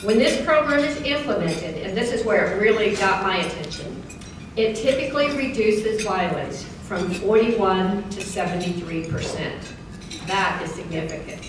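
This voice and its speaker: A woman reads prepared remarks to a club meeting in an earnest, measured way. Her mid-pitched voice is caught from far off in a heavily echoing hall. A layer of noise sits behind her. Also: expressive. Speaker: club member giving a short address. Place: large meeting hall during a lunch. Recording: echoey hall, distant mic, noisy.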